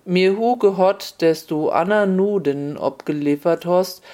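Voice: medium pitch, measured pace, warm tone, close to an everyday voice. A storyteller voicing a greedy, pompous king who speaks of himself in the plural, in a folk tale.

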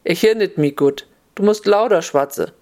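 A storyteller in Upper Hessian dialect voicing a hard-of-hearing, blunt old woman who talks loudly and scolds. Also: mid-range voice, unhurried, voice pushed up, close to an everyday voice. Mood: puzzled.

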